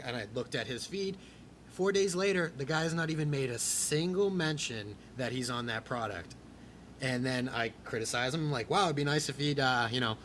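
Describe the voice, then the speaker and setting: A man's voice: mid-range voice, a bit bright, slight background noise. Rambling, crude-talking man on a podcast. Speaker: podcast host. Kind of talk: casual chat.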